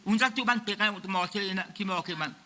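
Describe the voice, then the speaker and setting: A man's voice: high-pitched, fairly quick, bright, forceful tone. A man, preaching a sermon as pastor of a church, in a loose, repetitive style that mixes French and Creole. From Mauritius.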